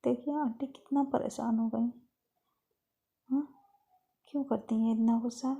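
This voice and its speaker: A caring young woman, soft and coaxing, gently scolding with a slightly raised voice, as a woman storyteller puts her on. Her tone is dark and gravelly, with a husky edge. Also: a little high, fairly even intonation, a little slow, lo-fi sound, exaggerated voice. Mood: tender.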